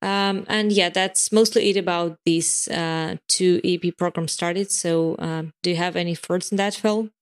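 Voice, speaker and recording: Lady walking through software updates, lots of uhs and likes, lowish voice. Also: fairly even intonation, measured pace, hardly any pauses, smooth. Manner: explains in long runs with many fillers and restarts. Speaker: product representative giving updates. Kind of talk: casual podcast chat about developer tools.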